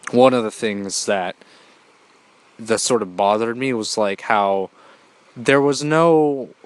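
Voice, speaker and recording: A podcast host with a mid-range, slightly bright voice reviews a movie on his own show, sounding congested from a cold. He rambles casually, using plenty of fillers and the occasional swear word, in a dry recording.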